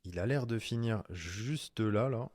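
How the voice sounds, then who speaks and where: A man's voice: on the low side, measured pace, a little mellow, no echo, studio quality. A man giving a casual screen-recorded tutorial in French, chatty and slangy, talking straight to the viewer as "tu". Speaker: online course instructor.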